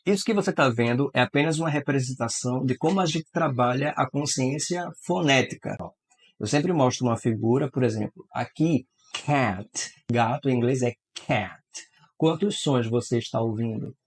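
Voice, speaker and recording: A man teaching English vowel sounds in a lively, exclamatory way, slowing down to sound out letters. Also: mid-range voice. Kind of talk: explanatory language lesson.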